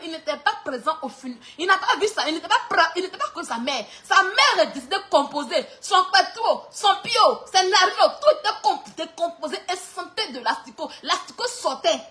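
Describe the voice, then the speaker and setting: Very high-pitched mocking woman. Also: pushed and bright. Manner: mocking, often laughing while talking. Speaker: online clash streamer. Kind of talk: insulting clash rant.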